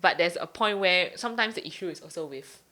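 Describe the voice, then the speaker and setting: A woman's voice: lowish voice, fast talker, pushed and bright. A young adult woman with a Singaporean accent, chatting casually on a podcast in colloquial Singlish. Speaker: podcast host. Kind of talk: casual chat.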